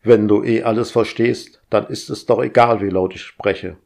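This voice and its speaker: A man's voice: lowish voice, steady tone, normal speed, vocal fry, darkish tone. Man reading as a weary, sarcastic husband. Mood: dry sarcastic. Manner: dry and sarcastic.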